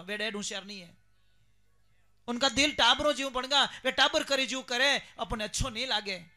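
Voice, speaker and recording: A preacher with a very high, bright voice that carries a lot of force. He tells a devotional story and presses his points home in an emphatic, exhorting way. Each point comes with strong storytelling drive.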